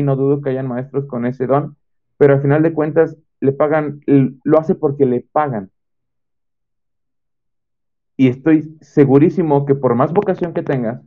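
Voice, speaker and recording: A young man with a Mexican accent tells of his own schooling in a casual, animated way and acts out the dialogue he recalls. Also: mid-range voice. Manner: animated storyteller who acts out quoted dialogue. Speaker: homeschooled former student sharing experience. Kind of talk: casual testimonial talk. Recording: tinny phone-like sound.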